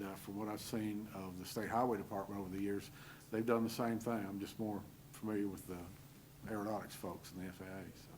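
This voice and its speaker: A man chairing a city hearing, easygoing and folksy, with pauses and fillers. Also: lowish voice, slight background noise, rough recording. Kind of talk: public meeting chairing.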